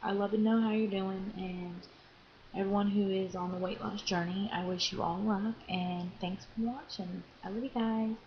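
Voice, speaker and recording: A young American woman records a casual video diary, speaking informally and haltingly with drawn-out pauses. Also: medium pitch, steady tone. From Florida, United States. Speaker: vlogger. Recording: dull lo-fi sound, faint background noise.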